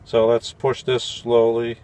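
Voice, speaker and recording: A man's voice: mid-range voice, monotone, slow, warm tone. A man in his forties, a van-life vlogger, talking casually to camera while brewing coffee, thinking aloud and correcting himself. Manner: thinking aloud, self-correcting, mildly puzzled. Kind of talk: casual how-to talk while making coffee. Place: small cluttered van interior at night.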